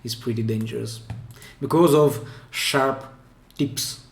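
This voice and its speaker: Slow-talking man with a Russian accent. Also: medium pitch, gravelly. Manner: chatty, hesitant, restarts mid-phrase. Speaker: pen spinning channel host. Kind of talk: casual commentary on viewer clips. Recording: echoey room.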